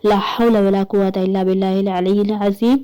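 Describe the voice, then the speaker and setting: A woman voicing a pious young male spiritual healer who murmurs his thoughts calmly. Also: on the high side, close to an everyday voice, rough recording.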